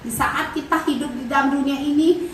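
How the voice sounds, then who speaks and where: A woman's voice: high voice, brisk. A woman giving a conversational church testimony, telling family stories and speaking straight to the congregation. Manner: lively storytelling, acting out family dialogues; keeps addressing the congregation directly. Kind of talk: conversational sermon with storytelling. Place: large church hall. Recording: very echoey hall, mic far off, faint noise.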